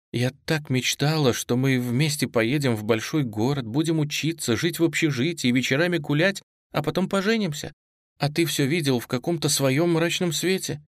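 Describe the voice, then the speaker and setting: A man's voice: mid-range voice, no room sound, studio quality, voice pushed up, close to an everyday voice. A man voicing a frightened, tearful young woman who pleads in a trembling voice, in an audiobook reading.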